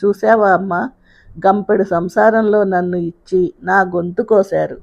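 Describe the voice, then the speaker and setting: A woman's voice: mid-range voice, steady tone, a little slow, gravelly, darkish tone. A woman doing a demanding, complaining sister-in-law. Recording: dull lo-fi sound.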